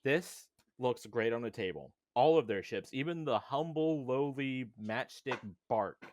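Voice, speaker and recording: A man's voice: mid-range voice, expressive, measured pace, darkish tone, dry recording, clean studio sound. A man who runs tabletop game demos, chatting casually as a podcast guest, joking and hedging as he goes.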